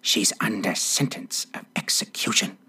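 A man voicing a timid, anxious rabbit who speaks in a low, hurried, frightened hush. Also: wildly swooping pitch, full character voice. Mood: nervous hush.

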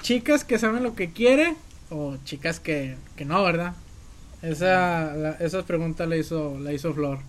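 A man's voice: fairly high pitch, animated, a little slow. A young man with a Mexican accent hosting a casual, jokey chat with friends and reading out listener questions. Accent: Mexican Spanish. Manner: slangy, jokey, laughs often.

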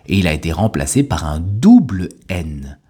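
A man hosting a podcast as a language teacher, giving a scripted lesson with clear, deliberate delivery. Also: low-pitched, big pitch swings, mellow. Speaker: French teacher and podcast host.

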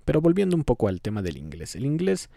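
A man's voice: mid-range voice, huge pitch swings, quick pace, creaky, warm tone, no echo, studio quality. A man with a Mexican Spanish accent hosting a casual solo podcast, giving rambling, opinionated commentary with frequent fillers and self-corrections. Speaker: podcast host.

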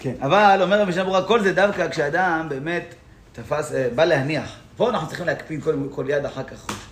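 Animated rabbi teaching in an echoey synagogue. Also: male voice, on the high side. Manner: explanatory, animated, laughs while telling stories. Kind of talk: Torah lesson in a synagogue. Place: synagogue hall. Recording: echoey room.

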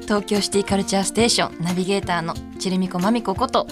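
A woman's voice: mid-range voice, racing. A woman presenting a scripted radio show introduction as its navigator. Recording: music playing behind the voice.

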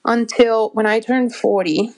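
A woman in her forties giving a motivational solo talk as a business coach and podcast host, earnest and encouraging, often pausing and restarting as she searches for words. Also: fairly high pitch, fairly even intonation, darkish tone. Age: 40s.

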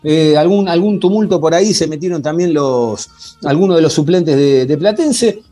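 A man with an Argentine accent hosting a football podcast in a conversational, halting way, often repeating himself. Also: fairly high pitch, mellow. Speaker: sports podcast host. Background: faint music.

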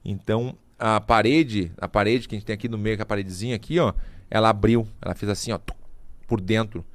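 A middle-aged man, a podcast guest telling stories in a casual, lively way. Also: lowish voice, brisk, no room sound. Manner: lively, vivid storyteller who adds sound effects. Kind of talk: casual storytelling. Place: podcast studio.

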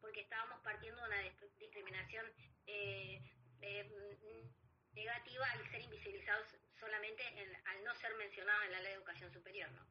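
A woman's voice: medium pitch, steady tone. Argentine woman, guest in an interview, hesitant, filler-heavy delivery, slightly dull recording with faint hiss. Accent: Argentine Spanish. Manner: hesitant, many fillers, measured explanation. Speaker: guest academic. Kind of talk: conversational interview answer.

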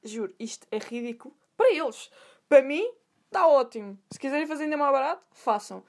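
A woman's voice: high voice, a little fast. A young woman with a European Portuguese accent, telling a story in a chatty, slangy monologue. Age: young adult. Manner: chatty, animated, full of slang and asides. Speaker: podcast host.

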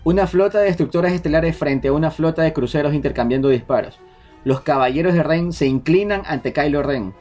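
Quick-talking man, music under. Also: fairly high pitch. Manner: relays leaked details in a quick, restarting, animated way. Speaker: podcast host. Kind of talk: casual group chat about film rumors.

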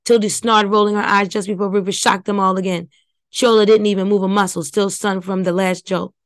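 A woman's voice: medium pitch, level tone, fairly quick, no echo. A woman narrating a scary story for a podcast, reading plainly with casual asides to listeners. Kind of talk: audiobook reading.

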